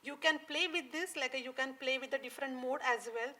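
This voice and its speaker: A woman explaining code on a conference stage, halting with many fillers and non-native phrasing. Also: high-pitched, bright, forceful tone. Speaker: conference speaker. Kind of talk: live tech talk on stage.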